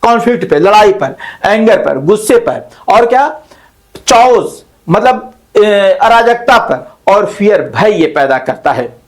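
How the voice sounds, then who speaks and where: A male literature teacher gives a slow classroom lecture, explaining each term and repeating it in Hindi, with frequent pauses and self-corrections. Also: sits high, animated.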